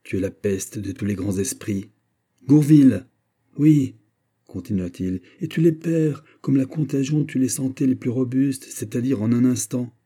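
A man's voice: medium pitch, a little slow, mellow, close to an everyday voice. A man voicing a proud, imperious male finance minister in an audiobook, speaking in a declamatory, indignant way. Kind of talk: audiobook character reading.

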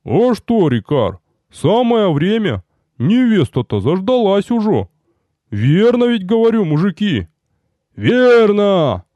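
A man doing a bellowing, excited warrior servant. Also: a little high, a little slow, few pauses, dry recording, muffled recording, voice pushed up. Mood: jubilant. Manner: bellowing, folksy, jubilant. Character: loud, excited, stocky male warrior servant.

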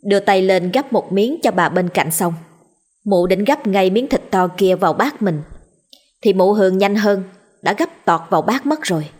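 Husky-voiced woman storyteller. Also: medium pitch, normal speed. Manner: lively colloquial storytelling. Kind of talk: scripted story narration.

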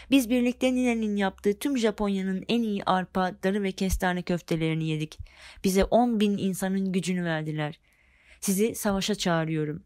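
A woman's voice: mid-range voice, a little mellow, no room sound, clean studio sound, lightly acted. A woman voicing a brave, proud boy hero who declares himself boldly, in a storybook reading.

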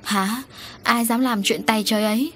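A woman's voice: fairly high pitch, fairly even intonation, moderate pace, a little hiss or hum, lightly acted. A woman voicing an anxious middle-aged wife who cries out in distress, in a storybook reading. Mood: fretful.

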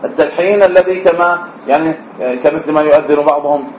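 A man's voice: a little high, fast talker, a little mellow, slight background noise. Male religious teacher, lilt, quizzes class, muffled echoey recording. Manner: sings out short examples, asks students questions. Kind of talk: classroom lesson on the call to prayer. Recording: echoey room, slightly dull sound.

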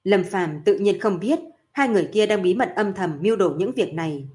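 A woman narrating a fantasy novel as an audiobook in a steady, even storytelling voice. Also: medium pitch, brisk.

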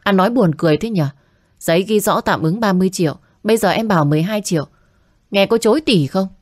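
Scornful, sarcastic cashier woman read by a woman, quick and scolding, dry sound. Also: medium pitch, darkish tone, no room sound, voice pushed up, lightly acted.

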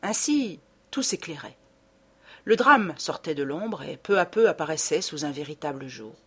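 Expressive husky woman narrating a novel. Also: low-pitched, normal speed. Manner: expressive storytelling. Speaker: audiobook reader. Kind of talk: scripted narration.

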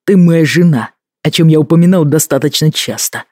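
A proud, hot-tempered young Scottish husband, read aloud by a storyteller presses his words out in clipped, forceful bursts that climb toward shouting. The recording is close and dry, with no room sound. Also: medium pitch, animated, normal speed, slightly rough, no echo. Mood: furious.

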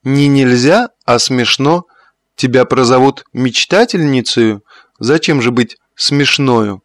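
A man's voice: mid-range voice, slow, dry recording, natural voice. A man voicing a haughty young woman in an audiobook, with a dry, mocking manner.

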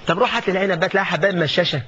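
A man preaching a colloquial sermon with an Egyptian accent, dramatic, dropping to a hush and then building to loud exclamations. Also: sits high, very fast, breathy edge. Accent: Egyptian Arabic. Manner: dramatic, swings from hushed to rising exclamations. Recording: dull lo-fi recording with faint noise.

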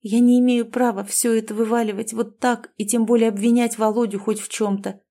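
A woman's voice: on the high side, little pitch movement, brisk, mellow. Woman reading Anna, a weary young mother. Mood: earnest. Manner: earnest, apologetic. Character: young widowed mother Olesya's friend Anna, tired.

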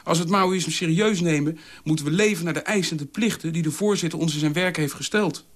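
A man's voice: fast talker, close to an everyday voice. A man reading a radio story, voicing a dogmatic, quarrelsome male commune ideologue who scolds and lectures. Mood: ranting. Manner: shrill, scolding, hectoring.

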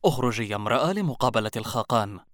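A man voicing a harsh, quick-tempered male guard captain who barks threats in a storybook reading. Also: medium pitch, animated, no echo, clean studio sound, natural voice. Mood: angry. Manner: loud, barking threats.

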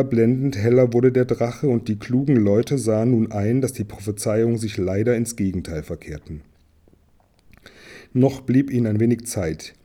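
A man reading an audiobook aloud in steady storytelling narration, with small slips now and then. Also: on the low side. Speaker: audiobook reader.

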